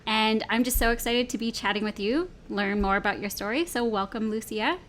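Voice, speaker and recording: A woman hosts a podcast interview in a somewhat high voice. She sounds eager and curious, gushing over her guest as she asks questions. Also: brisk, fairly bright tone, slight background noise. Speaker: podcast host. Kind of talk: casual interview chat.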